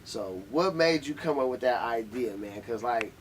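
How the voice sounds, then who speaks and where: A man's voice: mid-range voice, animated, moderate pace. A man from Milwaukee who interviews in a rambling, casual way. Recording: faint background noise.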